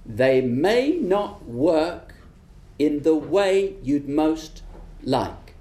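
A storyteller voicing an old witch in a high, quick voice with breathy exclamations. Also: animated, a little mellow, roomy sound. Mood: calm, knowing. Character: old female witch, calm, knowing, delighted. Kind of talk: oral storytelling.

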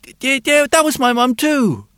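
A man's voice: lively intonation, normal speed, a bit bright, clean tone, dry recording, studio quality. A man voicing a flustered, forgetful little boy who stammers and hesitates as he talks. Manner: stammering, breathless, high and eager.

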